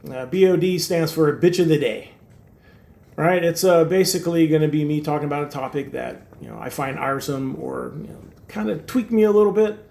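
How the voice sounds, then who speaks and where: A man in his sixties who grew up in Turkey and speaks Turkish natively hosts his own channel, talking casually to camera. His voice is a little high, creaky and darkish, and fairly quick. He rambles with lots of fillers and wry self-deprecating humor.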